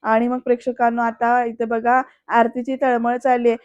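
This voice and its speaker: A woman's voice: a little high, completely flat delivery, moderate pace, clean tone, dry recording, highs cut off. A woman narrating a voice-over recap of a serial episode, chatty and addressing the viewers directly.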